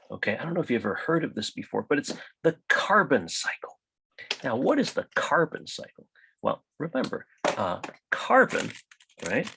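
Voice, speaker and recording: A man giving a college science lecture, lively and chatty, often checking in with "right?" and asking his class questions. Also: fairly low pitch, gravelly, slightly rough, no room sound, poor audio. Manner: animated, rhetorical questions with frequent "right?". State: coughing, hiccups.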